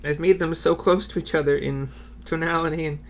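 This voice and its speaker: Here a man with a fairly high, gravelly voice speaks a little fast in a steady tone. As a streamer, he plays through a video game, reading its lines aloud and muttering casual, self-critical comments.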